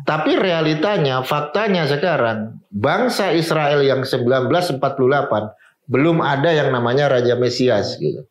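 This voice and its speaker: A man's voice: medium pitch, expressive, normal speed, roomy sound, low-quality recording. A man speaking as a guest in an interview, explaining at length and mixing in Hebrew and English terms.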